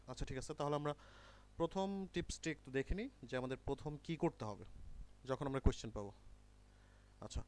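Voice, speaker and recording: A man from Bangladesh with a Bangladeshi accent, teaching an online IELTS lesson in a mix of Bangla and English, checking often that students follow and reading English rules out slowly. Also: mid-range voice, darkish tone, smooth.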